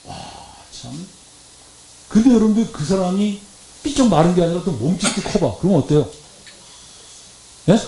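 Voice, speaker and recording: A man preaches a Sunday sermon in a church, with a voice that sits high. He tells stories, puts questions to the congregation and acts out quoted lines with wide swings in pitch. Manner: lively storytelling, asks the congregation questions. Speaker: lay preacher.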